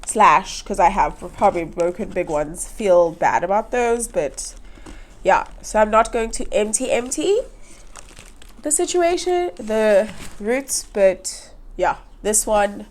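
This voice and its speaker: A woman's voice: medium pitch, lively intonation, slow. A young woman hosting a plant channel, chatting casually while repotting, her voice nasal from hay fever, often giggling and rambling. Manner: giggly, rambling, chuckles to herself.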